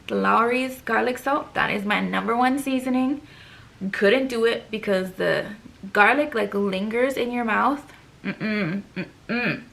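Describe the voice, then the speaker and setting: A woman's voice: on the high side, a little slow, vocal fry, a bit bright. A young woman vlogger chatting casually to camera, out of breath, with lots of fillers and sighs.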